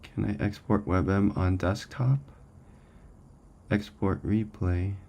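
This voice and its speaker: A man's voice: lowish voice, takes it slowly, gravelly, darkish tone. A man co-hosting a casual livestream, answering tentatively as he thinks aloud. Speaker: software developer co-hosting stream.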